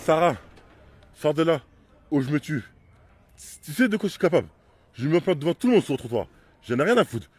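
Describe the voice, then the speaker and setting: An actor playing an enraged young man who shouts threats and insults in an amateur theatre web series. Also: on the high side, big pitch swings, brisk, long pauses, husky, no echo. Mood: raging.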